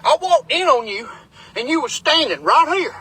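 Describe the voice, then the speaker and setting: A man's voice: very high-pitched, sing-song, normal speed, sharp tone, full character voice. A man quoting a sulky accusing wife. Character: irritated wife, adult woman, sulky and accusing.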